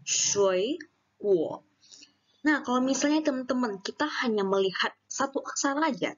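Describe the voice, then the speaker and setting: A woman's voice: mid-range voice, muffled recording. A woman teaching a Mandarin lesson online, patiently explaining and repeating words for learners to say after her.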